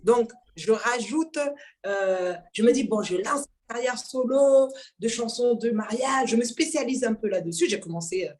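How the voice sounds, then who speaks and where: Lively storytelling woman from Mayotte. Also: on the high side, normal speed. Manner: lively, laughing, acts out dialogue. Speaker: guest singer. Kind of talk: casual storytelling interview.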